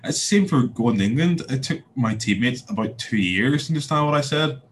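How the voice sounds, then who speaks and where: Crowd noise surrounds a young man from Northern Ireland as he talks casually as a podcast guest in a Belfast accent. His mid-range voice has lively intonation and a fairly quick pace. He's hesitant, with lots of fillers and restarts.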